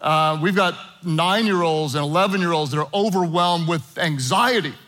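Middle-aged male pastor, bright and ringing, high for a man; animated, humorous sermon storyteller. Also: moderate pace, poor audio. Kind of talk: sermon to a live and online congregation. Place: church auditorium with congregation.

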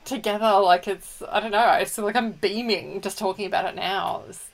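A woman's voice: medium pitch, steady tone, moderate pace, creaky. A woman co-hosting a podcast in casual chat, gushing and chatty. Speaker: podcast co-host.

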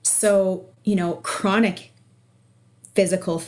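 A woman's voice: medium pitch, fairly even intonation, slow pace, a little mellow. A woman speaking as a coach and interview guest, explaining her approach conversationally. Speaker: energy and life coach, podcast guest.

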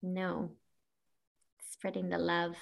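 A woman co-hosts in casual conversation. Her voice has a gravelly fry and keeps to a fairly even pitch. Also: slow. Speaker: podcast co-host. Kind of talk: casual chat.

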